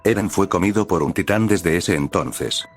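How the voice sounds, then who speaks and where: A man reading his own fan fiction aloud as storyteller, in a plain, even way. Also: low-pitched, normal speed, soft background music.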